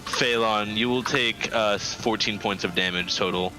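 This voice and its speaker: A man's voice: on the low side, normal speed, sharp tone, soft background music, low-quality recording. A man narrating a tabletop game as game master, mixing casual talk with scene description.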